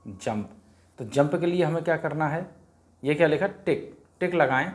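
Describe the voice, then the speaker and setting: Explaining a worksheet in a Hindi grammar lesson for parents, this man drills vowels in a sing-song, repeating himself and posing questions he then answers. He speaks on the high side, with a slightly mellow quality.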